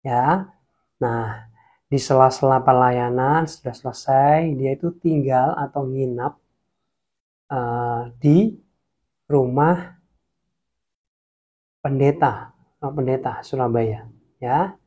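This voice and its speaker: Man, preacher, casual sermon, unhurried delivery, sudden whispers. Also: mid-range voice. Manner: lively, drops to whispers for emphasis, mixes in English.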